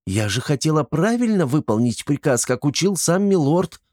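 A man's voice: a little high, very animated, moderate pace, a little mellow, no echo, studio quality, pitched above the performer's own voice. A man voicing a naive, eager young peasant girl serving as a squire, earnest and easily confused. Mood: hurt. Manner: earnest, bewildered, literal-minded.

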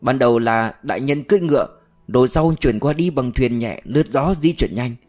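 A man voicing a thin, grey-haired older male official who speaks slowly and sadly, in an audiobook reading. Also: mid-range voice, a little mellow, faint music behind, close to an everyday voice. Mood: somber. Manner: slow, sad, measured.

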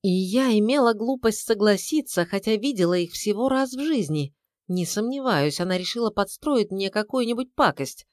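A woman with a medium-pitched, expressive, slightly mellow voice speaks at a moderate pace, lightly acting as she voices the thoughts of an anxious young heroine, pitched above her own natural voice. The recording is clean studio sound with no room ambience.

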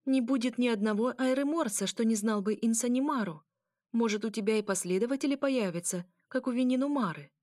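A woman voicing a brash young noble mermaid woman, loud and commanding, laughing often. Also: a little high, fairly quick, dry recording, clean studio sound, pitched above the performer's own voice, close to an everyday voice. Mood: boisterous.

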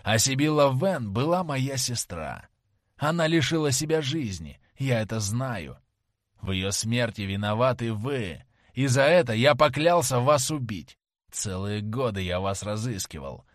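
A man reading a vengeful young sailor in an audiobook, speaking slowly and heavily. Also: mid-range voice, expressive, dry recording, studio quality, lightly acted. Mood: menacing. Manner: slow, heavy and menacing. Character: vengeful rough young sailor, grim and threatening.

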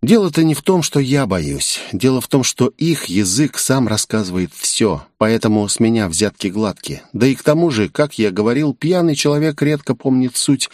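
A man's voice: mid-range voice, animated, normal speed, hardly any pauses, a little mellow, dry recording, natural voice. A man voicing a bearded bartender who talks in a dry, matter-of-fact way in an audiobook. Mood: wry. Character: bearded middle-aged bartender, dry and pragmatic. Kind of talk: audiobook character voice.

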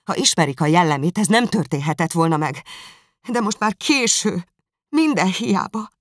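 A woman's voice: fairly low pitch, animated, no room sound, clean studio sound, voice pushed up. A reader voicing a distraught young woman in an audiobook, with a pleading, breathless outcry. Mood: anguished.

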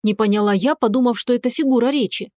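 A woman reading a first-person audiobook narration in a lively, expressive way. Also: on the high side, quick pace, no room sound, clean studio sound.

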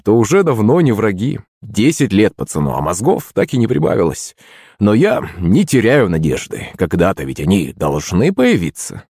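Lively wry male audiobook narrator. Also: fairly low pitch, breathy edge, no room sound, studio quality. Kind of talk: scripted narration of a fantasy novel.

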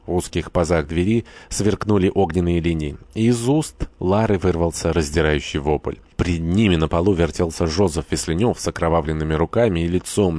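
A man reads a historical novel aloud in a measured, dramatic way. His voice is very deep. The recording is close and dry, with no room echo. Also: a little mellow. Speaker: audiobook narrator. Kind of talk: scripted literary narration.

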